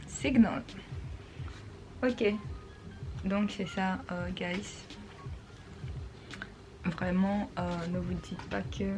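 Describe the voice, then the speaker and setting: A woman vlogger explaining English pronunciation in a casual talk, repeating words slowly and patiently. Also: lowish voice.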